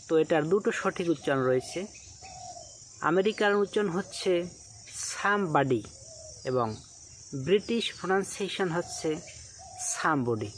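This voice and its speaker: A man teaching English pronunciation, saying example words slowly and deliberately and repeating them with emphasis. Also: a little high, slight background noise. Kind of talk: pronunciation lesson.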